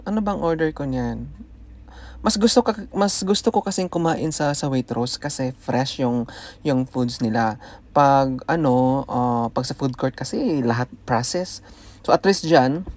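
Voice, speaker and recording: A man from the Philippines telling a casual vlog story, switching between Tagalog and English and often laughing as he talks. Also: on the high side. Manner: chatty, laughs often through his stories. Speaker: vlogger.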